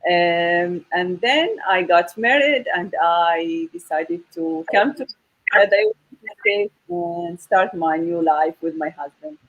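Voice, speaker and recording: A woman's voice: lowish voice, big pitch swings, slow, poor audio. A woman in her thirties from the Golan Heights, co-hosting a casual talk show over a video call and restarting her sentences often. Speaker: co-host.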